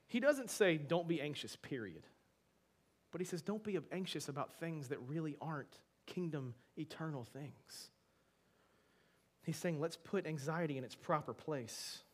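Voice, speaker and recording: Male pastor, fairly high voice, chatty sermon delivery that swings from quiet asides to loud emphasis, questions to the room. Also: lively intonation, a little slow. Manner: conversational, with frequent rhetorical questions to the congregation; shifts between soft asides and emphatic bursts. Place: church before a congregation.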